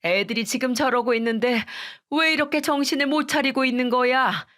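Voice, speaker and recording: A stern, grieving mother-in-law , put on by a woman narrator scolds and pleads with a raised, high, pressing voice in a storybook radio drama. Her shouts climb sharply. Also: brisk. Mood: pleading.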